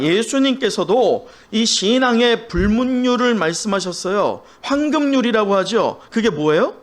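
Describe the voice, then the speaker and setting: A male pastor preaching a sermon, telling stories with animated delivery and questioning his congregation so they answer back. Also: high voice. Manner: asks the congregation questions and has them repeat phrases.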